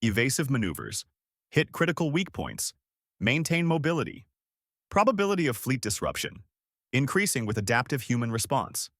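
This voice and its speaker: A man voicing a ship's artificial intelligence in a calm, neutral, clipped manner. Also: mid-range voice, moderate pace, no echo, studio quality.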